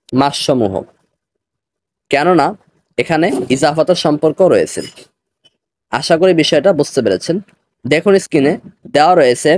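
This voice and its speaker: A man with a Bangladeshi Bengali accent teaches an online language lesson in a slow, careful way, saying each word again so the learner catches it. His voice sits a little high for a man. The recording is close and dry, with no room sound. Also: a little mellow, no echo. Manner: slow, careful, repeats pronunciations.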